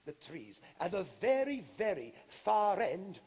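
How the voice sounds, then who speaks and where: A man telling a folktale live on a stage, with dramatic, animated narration. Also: high-pitched, a little slow, husky. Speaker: storyteller. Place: stage in a large concert hall.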